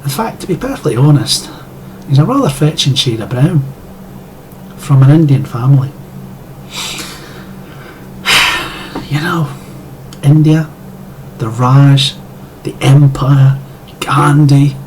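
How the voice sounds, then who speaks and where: Sardonic Scottish male commentator, foul-mouthed monologue, average pitch. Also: animated, slow, pauses often, slight background noise, poor audio. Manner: sardonic, profane. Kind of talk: scripted monologue.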